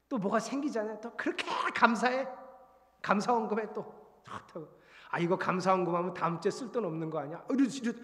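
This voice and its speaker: A middle-aged man preaching a sermon as pastor, telling his story in an animated, confessional way with exclamations. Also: high voice. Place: church sanctuary. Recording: long hall reverb.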